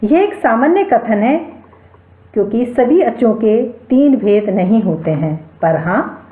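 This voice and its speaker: A woman teaching a Sanskrit grammar lesson, explaining slowly and repeating key terms while she spells out each sound. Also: on the high side, lively intonation. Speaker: Sanskrit lecturer. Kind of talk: slow explanatory lecture. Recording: echoey room over a tinny phone-like line.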